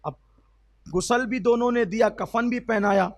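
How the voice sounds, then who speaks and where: High-voiced emotional Urdu preacher, man. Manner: emotional, swells to loud exclamations and drops to soft; asks the audience rhetorical questions. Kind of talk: sermon storytelling.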